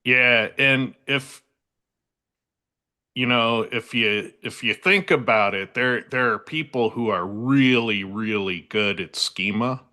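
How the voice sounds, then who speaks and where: A man talking in a casual online panel discussion, unhurried and full of restarts. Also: medium pitch, pushed and bright. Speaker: SEO panelist.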